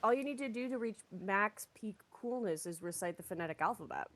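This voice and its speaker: Woman streamer just chatting, slangy and hyped, normal pitch, bit of background noise. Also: lively intonation, brisk, fairly bright tone. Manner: slangy, informal, enthusiastic. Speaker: game streamer, co-host. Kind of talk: casual playthrough chat.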